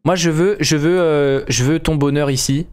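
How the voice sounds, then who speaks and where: A man hosting a casual gameplay chat, playful and joking, quick to get excited. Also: a little high. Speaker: gaming video host.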